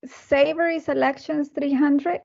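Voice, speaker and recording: A woman's voice: high voice, fairly even intonation, a little slow, vocal fry, darkish tone, dull audio. A woman answering as a contestant in a quiz game.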